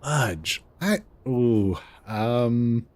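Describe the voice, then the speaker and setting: A man giving casual gameplay commentary, thinking aloud in a halting, amused way. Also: medium pitch, lively intonation, a little mellow. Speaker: gamer, let's player.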